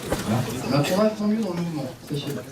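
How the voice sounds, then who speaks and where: A man's voice: fairly high pitch, quick pace, far from the mic, noisy background. Man, conference speaker, headset mic, directive and joking, echoey room, drifts off-mic. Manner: lively, directive, joking with the audience. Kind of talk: live conference talk with audience exercises. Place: conference room with seated audience.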